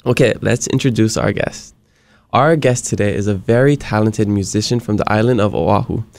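A young Hawaiian man hosts a casual podcast interview in a small studio, upbeat and joking as he moves between English and Hawaiian. He speaks at a moderate pace in a fairly low, darkish voice with vocal fry, recorded on a boom-arm studio mic with no echo.

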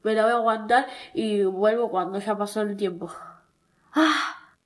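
A woman's voice: mid-range voice, fairly even intonation, normal speed. A young woman with an Argentine accent, talking casually to her followers while stuffy-nosed from a cold, chatty and self-mocking, whining when it hurts. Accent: Argentine Spanish. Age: young adult. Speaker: TikTok creator. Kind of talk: casual vlog chat.

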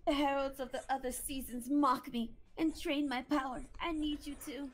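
A woman plays a stately glowing spirit of summer for a game, male but high in pitch, proclaiming each line with formal grandeur. Light music sits behind the voice. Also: steady tone, normal speed, close to an everyday voice. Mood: solemn, grand. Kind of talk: live read of visual novel game dialogue.

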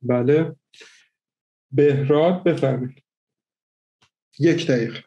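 A man hosting an online party game, counting out votes slowly and methodically. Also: medium pitch, mellow, muffled recording. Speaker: game host.

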